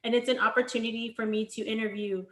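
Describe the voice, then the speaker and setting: A friendly woman hosts a casual video interview and asks questions in an upbeat way, with plenty of "um" and "like." Her voice sits a bit high. The sound is roomy and echoey. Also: flat delivery, fast talker. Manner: upbeat, friendly, frequent fillers. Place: her home in a large US city.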